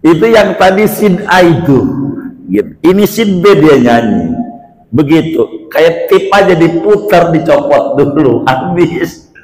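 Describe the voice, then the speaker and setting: A man preaching a sermon in a Betawi accent, folksy and slow, with sudden shouted peaks. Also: on the high side, expressive. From Indonesia. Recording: echoey hall, roomy reverb.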